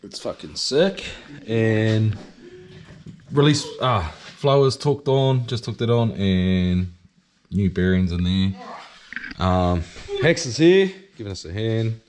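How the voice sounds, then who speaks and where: Man, broad Kiwi accent, low voice, laid-back slangy vlog talk, some background noise. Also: lively intonation, slow, a little mellow. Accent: New Zealand. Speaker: vlogger and drift car driver. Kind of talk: casual video diary.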